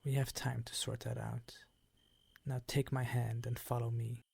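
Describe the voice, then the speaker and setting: For this ASMR roleplay, a man portrays a possessive, predatory vampire count with formal, teasing, commanding phrasing and breathiness that often sinks to a whisper. The performance is heavily acted, with a mid-range voice, level tone, unhurried pace and darkish timbre, and there is no room sound.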